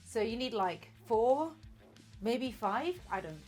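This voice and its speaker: A woman's voice: on the high side, very animated, takes it slowly, over music. A tipsy, giggly, rambling woman chatting casually as host of a comic baking vlog, sweary, self-mocking and playfully crude. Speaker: host of a comedic baking video.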